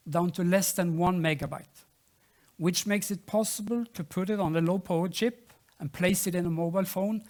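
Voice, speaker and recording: A startup founder giving a business pitch and answering questions, in a halting way that repeats and restarts phrases. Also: a little mellow.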